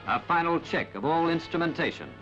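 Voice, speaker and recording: Bright, formal 1960s male film narrator. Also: fairly high pitch, lively intonation, soft background music. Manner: formal, measured, dramatic. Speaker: documentary narrator. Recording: dull, band-limited 1960s film soundtrack.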